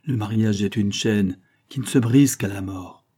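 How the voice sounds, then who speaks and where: A man's voice: mid-range voice, lively intonation, moderate pace, mellow, husky, pitched above the performer's own voice. A man reading a novel aloud voices a bitter, menacing husband, sarcastic and vehement, his voice raised above his narration. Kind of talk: audiobook character reading.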